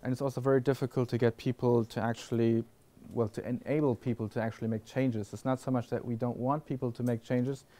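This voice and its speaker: A man speaking on a conference panel responds to audience questions with a warm, mid-range voice that barely moves in pitch, talking quickly with hardly any pauses. He's thoughtful, though he often restarts with fillers, in a classroom lecture hall with listeners present.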